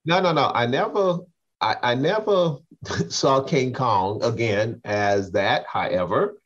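A man's voice: medium pitch, slow pace. A man hosting a casual panel chat and passing the conversation between guests. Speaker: host. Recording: slightly dull lo-fi sound.

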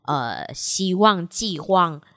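A woman co-hosting a podcast, listening attentively and gently reflecting back on what her co-host says in casual chat. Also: fairly low pitch, lively intonation, drawn-out words.

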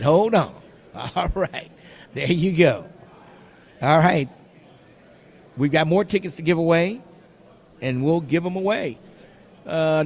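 A man hosting live radio, delivering a contest promo and ticket giveaway, repeating key phrases and numbers for emphasis. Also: fairly high pitch. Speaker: radio show host. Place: live broadcast booth at a trade show.

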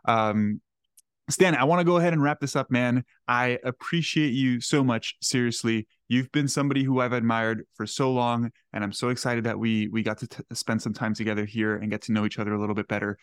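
A man's voice: medium pitch, fairly even intonation, fairly quick, clean tone, no room sound, studio quality. Eager young male podcast host. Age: 20s. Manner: eager, earnest, repeats words. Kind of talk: podcast interview. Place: home kitchen.

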